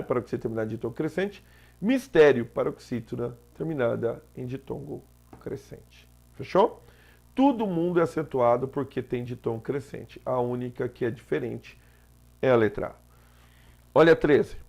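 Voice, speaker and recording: Gravelly Brazilian teacher explaining grammar. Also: male voice, mid-range voice, darkish tone. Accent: Brazilian Portuguese. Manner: explains step by step, frequent "tá?" checks. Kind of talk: exam prep lesson.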